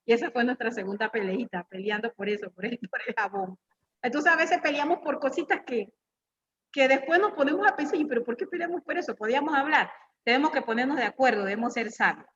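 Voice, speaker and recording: A middle-aged woman with a high voice gives a homey, teasing sermon, firing questions straight at the women in front of her. The sound is dull and lo-fi, with a long echo from a church hall. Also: fairly quick. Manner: lively, teasing, questions the audience directly. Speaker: guest speaker at church women's meeting. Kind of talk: informal preaching with personal stories.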